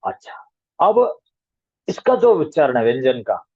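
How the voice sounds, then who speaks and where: A man's voice: mid-range voice, big pitch swings, a little slow, slightly rough, no room sound. A man teaching a grammar class online, patiently spelling out letter sounds one at a time. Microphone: video call. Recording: tinny dry call audio.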